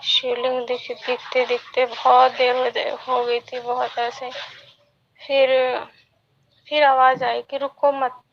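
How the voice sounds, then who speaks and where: A woman from India slowly and reverently telling her teacher about a meditation experience, often searching for words. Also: high-pitched, completely flat delivery, gravelly, dull audio, slight background noise. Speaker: meditation student sharing an experience.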